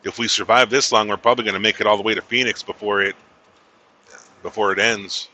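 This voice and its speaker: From the cab of his truck on the road, a man in his thirties livestreams casual chat while driving, drawling in a laid-back way with frequent use of "man." He speaks fast, in a lowish voice with a steady, sharp tone.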